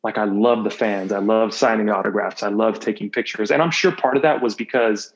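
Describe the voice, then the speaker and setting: Brisk and fairly low-voiced, a former athlete turned coach talks candidly on a podcast, relating personal anecdotes conversationally. He leans on repetition for emphasis and voices the quotes he recounts. The audio is dull.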